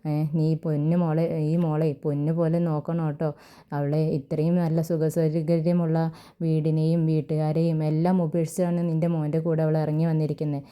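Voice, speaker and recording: A woman voicing a bossy, doting elderly grandmother who scolds and fusses in a low, even voice. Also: normal speed, clean tone, highs cut off, lightly acted. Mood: fussing scolding. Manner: scolding and fussing, calls others by endearments.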